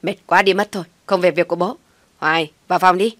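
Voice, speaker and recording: A woman's voice: lowish voice, fairly even intonation, fast, no room sound, lightly acted. A woman voicing a rude young man in debt who snaps back at his family in a storybook reading. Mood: irritated. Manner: snapping, insolent shouting.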